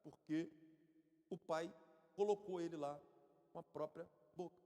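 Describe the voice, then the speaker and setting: A Brazilian Portuguese church elder preaches with a high voice, acting out the parents he quotes. He speaks off the microphone, so his voice comes through the long reverb of the church hall. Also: fairly even intonation, measured pace, warm tone. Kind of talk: Sunday school lecture sermon. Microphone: speaking without the microphone.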